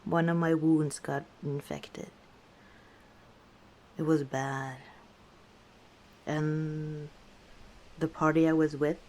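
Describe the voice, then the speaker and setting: In an intimate ASMR roleplay, a woman plays a battle-scarred orc tavern keeper recounting her past. Her voice sits low for a woman, and she speaks very slowly and reflectively, with hesitant pauses and soft chuckles, coming across as weary and guarded with a gentle wry streak.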